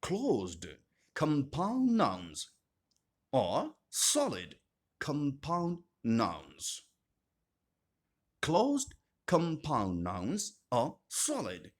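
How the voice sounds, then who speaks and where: A man teaching an English grammar lesson, speaking slowly and deliberately and repeating each term with strong stress. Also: a little high, huge pitch swings. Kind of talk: scripted grammar lesson narration.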